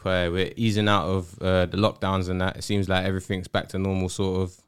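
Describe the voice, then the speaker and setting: Deep, smooth London roadman podcast host. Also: little pitch movement, fairly quick. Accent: London roadman, urban slang. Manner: slangy, laid-back, informal. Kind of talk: casual chat, interviewing.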